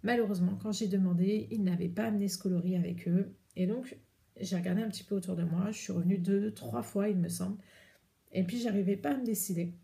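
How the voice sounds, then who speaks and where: A woman's voice: medium pitch, fairly even intonation, fast talker, creaky, mellow. A French woman hosting a knitting podcast, chatting casually and rambling with many hesitations as she shows her yarn. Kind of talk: casual chat showing yarn to camera.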